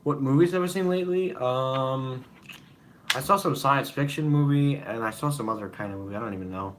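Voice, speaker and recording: A man's voice: mid-range voice, brisk, noisy background. A young man hosting a casual live-stream Q&A, rambling with many fillers and apologies. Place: room at home with noise behind.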